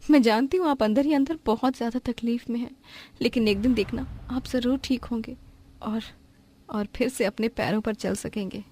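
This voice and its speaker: Brief: woman playing a warm-hearted, patient mother in a cartoon, soft and reassuring. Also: a little high, moderate pace, a little hiss or hum, lightly acted. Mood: gentle. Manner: gentle and reassuring. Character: vegetable-seller mother Vaishnavi, gentle and patient. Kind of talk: cartoon voice acting.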